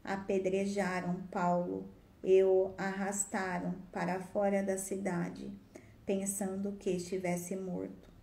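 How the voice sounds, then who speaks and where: A woman reading a Bible passage aloud in a measured, steady way. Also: mid-range voice, vocal fry. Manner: measured, steady delivery with small slips. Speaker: scripture reader. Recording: roomy echo.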